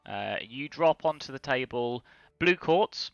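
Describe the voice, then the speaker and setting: A man's voice: mid-range voice, expressive, measured pace, dry recording, dull audio, faint music behind. A man narrating as game master, rambling with many fillers and lookups.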